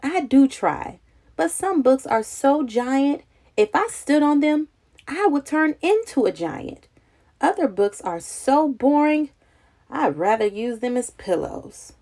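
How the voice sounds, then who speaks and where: A woman with a high voice reads a children's picture book aloud slowly, telling the story in an expressive, dramatic, childlike way.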